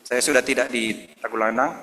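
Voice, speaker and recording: A man's voice: medium pitch, steady tone, fairly quick, sharp tone. A man preaching a Sunday sermon, telling anecdotes and acting out the voices of the people in them. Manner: storytelling, acting out dialogue in voices. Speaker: pastor. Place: church service. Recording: long church hall reverb, faint noise.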